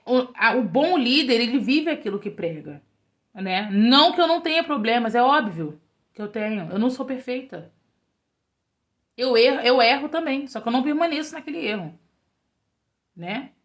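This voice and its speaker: A woman's voice: on the high side, fairly bright tone. Chatty woman preaching to women. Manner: conversational, keeps asking "né?" and addressing "meninas". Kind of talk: informal devotional talk.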